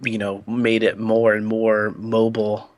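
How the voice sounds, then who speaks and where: A man's voice: on the low side, unhurried, no room sound. A man co-hosting a podcast, chatting casually and rambling with lots of fillers. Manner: relaxed, rambling, lots of "like" and "you know". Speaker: podcast co-host.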